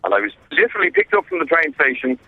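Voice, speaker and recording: A man's voice: on the high side, wildly swooping pitch, fast talker, vocal fry, no room sound. A man giving an emphatic, casual live report over the phone, often repeating himself for effect. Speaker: radio show presenter on a challenge. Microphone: phone call. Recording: muffled, phone-like line.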